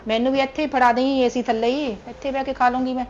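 A woman's voice: high-pitched, little pitch movement, fast, darkish tone, muffled recording, a little hiss or hum, natural voice. A woman with a Punjabi accent playing an elderly mother who complains about her son and daughter-in-law. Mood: arguing. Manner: complaining, self-pitying. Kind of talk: family drama acting.

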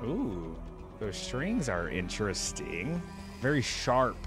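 A man in his twenties hosts a reaction video, thinking aloud casually as he comments live into a close desktop mic while wearing a headset. His lowish voice moves slowly with big pitch swings, and game theme music plays behind him.

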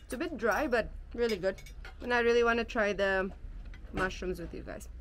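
On the high side and at a moderate pace, a young woman's voice carries chatty, playful travel-vlog banter through background noise. Most of it is shot outdoors on a porch, in a garden, or on the street, using a camera at arm's length and at times a small handheld mic.

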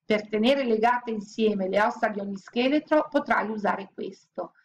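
A woman's voice: mid-range voice, normal speed, lo-fi sound, slight background noise, lightly acted. A woman voicing a living stone statue of a young woman who gives commands and teases. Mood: commanding.

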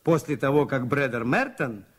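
Father Brown, shrewd, measured priest detective. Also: mid-range voice, big pitch swings, husky. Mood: calm, insistent. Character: shrewd, calm, persistent male priest detective. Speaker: actor in a radio play. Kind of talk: 1980s Soviet radio drama acting.

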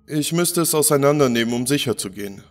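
A man's voice: medium pitch, lively intonation, fast talker, faint music behind, pitched above the performer's own voice, natural voice. A man voicing a brilliant, irritable male doctor who explains things precisely in a lecturing way, in a spoken horror story.

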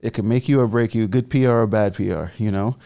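A man in his thirties from the Bahamas with a Bahamian accent, a guest telling his story in a relaxed way in a casual podcast interview, speaking into a studio mic. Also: on the low side, quick pace. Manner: relaxed storytelling, gestures while talking. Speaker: guest entrepreneur. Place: studio set with leather armchairs. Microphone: boom-arm studio mic.

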